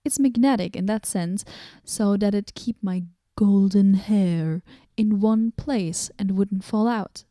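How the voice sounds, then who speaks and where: A woman voicing a moody, aloof female goddess in a whispered role-play, talking with dry sarcasm and drifting into soft whispers. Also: mid-range voice, dry recording.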